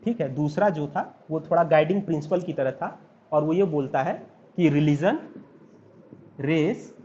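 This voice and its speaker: A man with an Indian accent gives a law lecture and goes over each term several times. His voice sits fairly high, and he spells names out slowly. The recording is dull and lo-fi, with a faint hiss underneath. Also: a little mellow. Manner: repeats and spells out terms slowly, asks students to write along.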